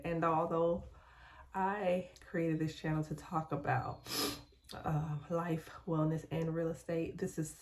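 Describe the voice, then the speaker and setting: A young woman vlogger chatting candidly in a hushed, halting, reflective way while doing her skincare in a bathroom at home. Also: low voice. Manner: hushed, so as not to be overheard. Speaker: lifestyle vlogger.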